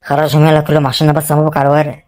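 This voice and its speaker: A woman with an Egyptian accent voicing a hard-hearted mother who scolds her mourning children in an animated drama. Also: deep voice, rapid-fire, close to an everyday voice. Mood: scolding. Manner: cold, scolding.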